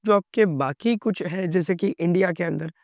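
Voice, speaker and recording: A man's voice: sits high, moderate pace, creaky, darkish tone, dry recording, clean studio sound. A young man with a sore throat explaining company finances to viewers in a conversational way, talking to them directly. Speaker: stock market educator.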